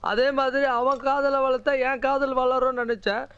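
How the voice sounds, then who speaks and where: A hot-headed lovelorn villager. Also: male voice, very high voice, little pitch movement, normal speed, a bit bright, clear, resonant tone, dry recording. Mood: aggrieved. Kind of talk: film comedy acting. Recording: dull, dry film dialogue track.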